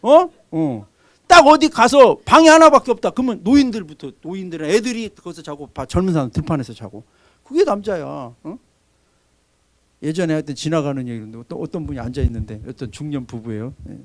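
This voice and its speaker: A middle-aged man preaches a sermon in a high, very animated voice. He pushes up into loud, emphatic exhortation, then drops into quiet, almost muttered asides. The sound is close and dry, with no room echo. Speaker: pastor.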